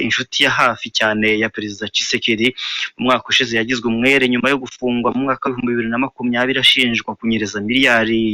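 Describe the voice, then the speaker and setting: Male radio newsreader, formal and fast, bright tone, dry studio sound. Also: medium pitch, no echo. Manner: brisk formal delivery. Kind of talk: read radio news bulletin.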